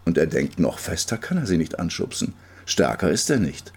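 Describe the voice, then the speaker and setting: Calm low-voiced German man reading fiction. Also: vocal fry, breathy edge. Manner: calm, measured, repetitive rhythm. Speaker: reader. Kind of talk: literary reading.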